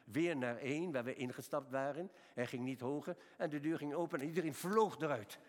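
A man in his seventies preaching a sermon, telling personal stories and moving between quiet, slow passages and raised, emphatic appeals. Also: on the high side. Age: 70s. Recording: long hall reverb.

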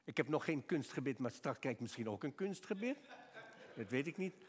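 An older man preaching a sermon, telling a lively personal story and acting out both sides of his talk with a doctor. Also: medium pitch, brisk, in a large hall.

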